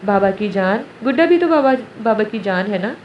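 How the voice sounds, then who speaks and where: A woman narrator voicing an indulgent father who speaks tenderly and teases gently, recorded distant in a roomy space. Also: high voice, expressive. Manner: tender, coaxing. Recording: roomy, distant, dull, faint hiss.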